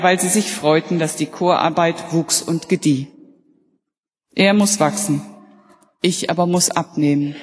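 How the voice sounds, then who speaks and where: A woman pastor giving a sermon in a calm, deliberate way, slowing down on key sentences. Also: lowish voice. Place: church. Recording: long church reverb.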